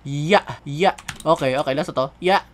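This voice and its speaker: Energetic male gamer, teasing, silly sound effects, let's-play chatter. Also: on the high side, moderate pace. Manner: excitable, teasing, makes goofy sound effects. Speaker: gaming YouTuber.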